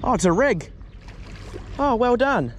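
Fishing from a wharf outdoors, a young New Zealand-accented man gives casual vlog commentary, relaxed and talkative yet excited whenever a fish bites. He has a very high, unhurried voice, captured by a camera-mounted mic with background noise and music.

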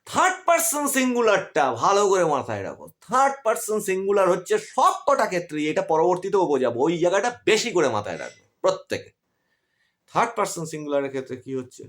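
A man with a Bengali accent gives an online grammar class. His voice sits high for a man and swings widely up and down. He keeps asking questions and answering them himself, with a brisk teacher's drive. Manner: lively, rises and drops sharply in pitch, asks questions then answers them.

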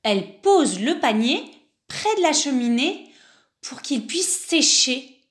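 A woman narrating a children's picture book in an unhurried way, adding sighs and little exclamations. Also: high voice, very animated. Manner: unhurried, with sighs and spoken interjections. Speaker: storyteller.

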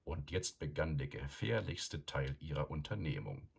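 A man narrating an audiobook in a calm, measured storytelling manner. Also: rumbling low, gravelly, husky.

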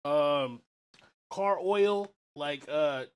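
A man co-hosting a podcast in casual chat, animated and joking, who swears freely. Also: on the high side, very slow, clean tone. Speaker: podcast co-host.

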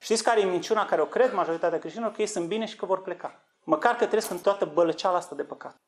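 A man preaching a sermon, urgently exhorting his listeners with rhetorical questions and swinging from low earnest tones to high fervent outbursts. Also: slight background noise. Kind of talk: sermon on end-times prophecy.

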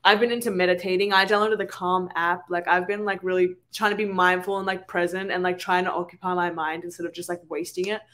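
A woman's voice: lowish voice, little pitch movement, fast, few pauses, a bit bright. Young aussie woman rambling on a podcast, lots of likes and restarts, casual. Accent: Australian. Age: young adult. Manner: chatty, rambling with many fillers and restarts. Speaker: podcast co-host. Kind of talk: casual chat.

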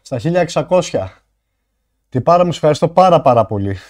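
A man streaming live, chatting casually with viewers while out of breath and thanking donors with loud bursts of excitement. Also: on the high side. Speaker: livestreamer. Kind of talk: casual livestream chat with viewers.

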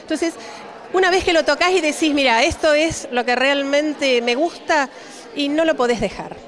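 A middle-aged Argentine woman speaks about her school in a casual interview at an indoor exhibition. Her voice is slightly higher than most women's. She talks openly into a handheld mic, dotting her answers with "eh". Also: normal speed. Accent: Argentine Spanish. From Cipolletti, Argentina. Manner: warm-hearted, many "eh" fillers. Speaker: ceramics teacher. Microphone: handheld reporter mic.

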